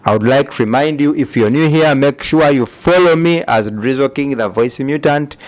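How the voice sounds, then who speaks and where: A man hosting an interview, speaking in a measured, earnest way and often murmuring acknowledgements. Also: medium pitch. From Uganda. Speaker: talk show host. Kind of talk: interview and closing remarks.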